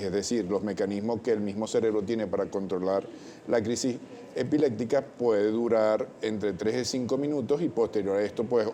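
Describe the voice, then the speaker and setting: A man, a doctor explaining things as a guest in a television interview, measured and technical, often restarting words. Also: fairly low pitch, warm tone. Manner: measured, technical, with frequent self-corrections.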